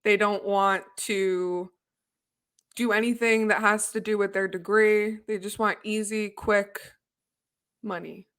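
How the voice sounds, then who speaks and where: Young woman, co-host, chatty, sarcastic, video call, bright voice. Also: medium pitch, fairly even intonation, slow, smooth. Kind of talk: casual podcast chat. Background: faint music.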